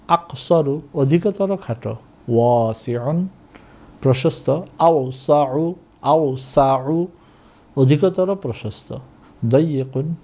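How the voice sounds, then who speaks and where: A man teaching Arabic in a recorded lesson, slowly drilling and repeating words for learners to copy. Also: mid-range voice, mellow, slightly rough. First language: Bengali.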